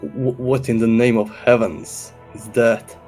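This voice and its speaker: Slow, stammering, bewildered man, played by a male gamer. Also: mid-range voice, steady tone, a little mellow, faint music behind, natural voice. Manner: halting, stammering. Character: hesitant, bewildered man feigning bravery before monsters.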